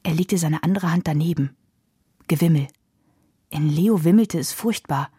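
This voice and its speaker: A woman narrating a children's audiobook in a calm storytelling voice. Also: deep voice, moderate pace, slightly rough, no echo, clean studio sound.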